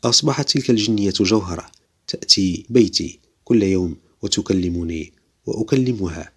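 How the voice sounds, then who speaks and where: A man narrates a scripted story in a steady, measured way. His voice sits very low and has a husky edge. He reads evenly from line to line.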